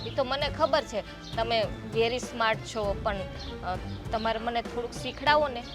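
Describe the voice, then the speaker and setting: A woman's voice: fairly high pitch, measured pace, music in the background, natural voice. A woman playing a young, talkative daughter-in-law from the city who pleads and defends herself. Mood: pleading. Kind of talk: family drama acting.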